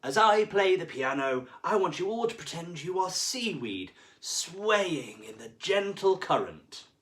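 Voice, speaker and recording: A man's voice: high-pitched, sing-song, measured pace, fairly bright tone, distant mic, voice pushed up, heavily acted. A man voicing a kind fish teacher lady. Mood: cheerful.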